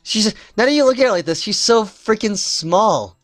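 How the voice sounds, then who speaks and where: A man's voice: high-pitched, expressive, moderate pace, no room sound, clean studio sound, soft background music. A man giving casual, joking commentary while playing a visual novel, often stumbling and restarting his words.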